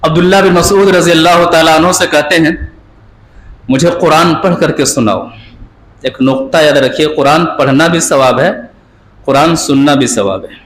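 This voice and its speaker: A man preaching a Friday sermon, swinging between impassioned shouting and low quiet passages a repetitive rhetorical cadence. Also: normal speed, reverberant, poor audio. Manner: rising to impassioned shouts, then dropping low.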